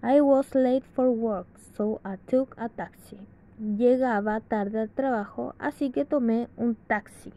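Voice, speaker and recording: A woman reading an English grammar lesson aloud from a textbook, slowly and carefully with pauses. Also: fairly high pitch, dark tone. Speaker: English teacher. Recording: dull lo-fi sound.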